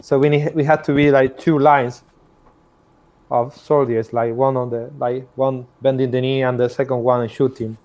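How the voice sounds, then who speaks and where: A man as a male soldier shouting urgent battle commands. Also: medium pitch, flat delivery, normal speed, lightly acted. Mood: urgent commanding.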